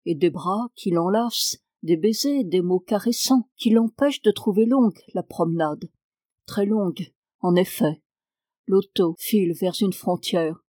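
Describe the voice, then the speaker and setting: A woman narrating a novel in the first person, with a measured, expressive reading. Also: lowish voice, no room sound, clean studio sound. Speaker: audiobook narrator.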